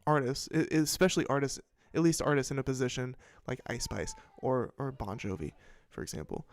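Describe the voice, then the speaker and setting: A man's voice: medium pitch, very animated, brisk. A man hosting a casual commentary show, rambling and swearing as he reads headlines and reacts with frequent restarts. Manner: rambling, profane, self-interrupting. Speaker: podcast host.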